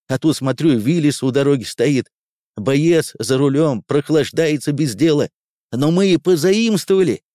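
Young army scout sergeant, loud, cocky, raised voice, read by a man; dry close recording. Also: fairly high pitch, dry recording, pitched above the performer's own voice, close to an everyday voice.

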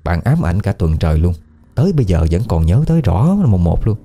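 Speaking with a Southern Vietnamese accent, a man tells a ghost story in a lively, colloquial, conversational style. His voice is low and husky, his delivery brisk, and faint music plays in the background.

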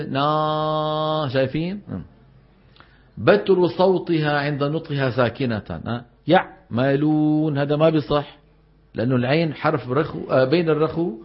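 A man teaching Quran recitation to a class, explaining in casual dialect and chanting example words slowly. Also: fairly high pitch, dull audio.

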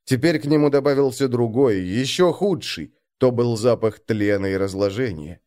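A man narrating a story as an expressive audiobook reader. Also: mid-range voice, moderate pace.

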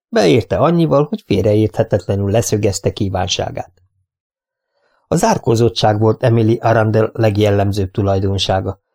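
A man's voice: lowish voice, mellow. Man reading an audiobook steadily. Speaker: audiobook reader. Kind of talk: audiobook narration.

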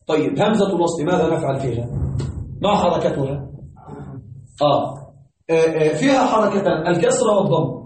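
Man, grammar teacher, high voice, quizzing students, echoey classroom, distant mic. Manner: lively, quizzing students, teasing. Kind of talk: classroom lesson with questions to students. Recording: echoey classroom, far from mic, faint noise.

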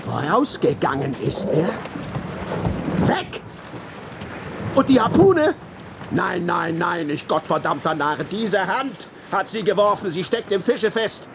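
Radio drama casting: raging old whaling captain, creaky voice, wildly swinging delivery, commanding and vengeful. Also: male voice, sits high, big pitch swings, slow pace, long pauses, full character voice. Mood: vengeful, fierce. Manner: barking orders, brooding and theatrical. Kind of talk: German radio drama acting. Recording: noisy sea ambience with boat sounds.

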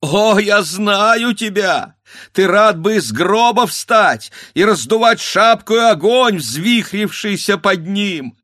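A desperate young Cossack wife cries out in raised, high, anguished pleas, as a man reading a storybook puts her on. Her lines come loud and accusing, heaped one on another. The sound is dry and close. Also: animated, slow, no room sound, heavily acted. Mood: pleading, accusing. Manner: anguished, pleading, accusing outbursts. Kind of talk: dramatic audiobook reading.

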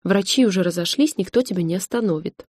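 A woman voicing a scheming woman who speaks gently and coaxingly, in an audiobook reading. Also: lowish voice, fast talker, no room sound, natural voice. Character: scheming woman, sweet and persuasive.

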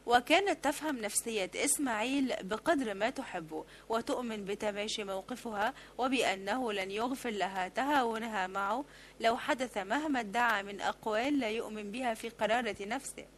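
A woman narrates a literary novel as an audiobook, her voice sitting a little high. She reads in a measured, steady manner, with a faint hum underneath. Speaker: audiobook reader.

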